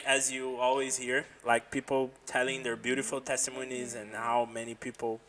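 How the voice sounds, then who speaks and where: A man's voice: medium pitch, fairly bright tone. A man hosting a casual livestream chat, upbeat and jokey as he steers the conversation. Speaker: podcast host.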